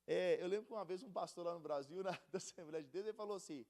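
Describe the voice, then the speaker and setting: A man's voice: high-pitched, fast talker. A man from Brazil with a Brazilian Portuguese accent, teaching a casual, slangy Bible study as a youth pastor. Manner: slangy and conversational, animated, calls listeners buddy.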